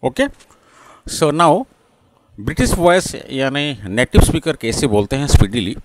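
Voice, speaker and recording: Slow, lively-pitched Indian male teacher. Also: slight background noise. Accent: Indian English. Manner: slow and deliberate, repeating words and spelling them letter by letter. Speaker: English pronunciation teacher. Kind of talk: classroom-style lesson mixing Hindi and English.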